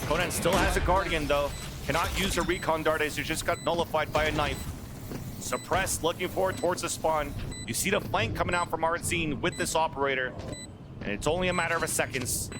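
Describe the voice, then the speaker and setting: High-pitched male esports caster over loud music. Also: brisk. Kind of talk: excited esports match commentary. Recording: loud music and game sounds behind. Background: loud music, game sound effects.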